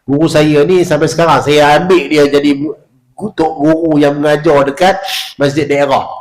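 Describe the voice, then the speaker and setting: A man with a Malaysian Malay accent teaching prayer recitation at a village prayer hall, drawing out Arabic phrases slowly and stressing each sound. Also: fairly high pitch, steady tone. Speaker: religious teacher.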